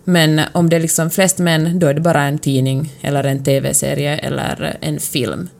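A woman's voice: low-pitched, little pitch movement, vocal fry, darkish tone. A woman from Finland with a Finland-Swedish accent, co-hosting a podcast and discussing things in a casual, conversational way. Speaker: podcast co-host.

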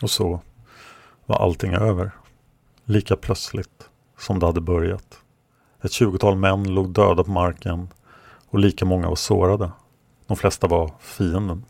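Gravelly low-voiced male storyteller. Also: no room sound. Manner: calm, measured storytelling. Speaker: author and podcast narrator. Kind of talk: audiobook narration.

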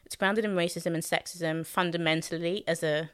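Her voice is fairly low, steady and fairly bright, with a clean tone and a moderate pace. A young woman from London, England, she appears as a guest reminiscing about student life in an easygoing conversation, open and thoughtful, full of fillers and quick to laugh. The sound is clean studio audio without echo.

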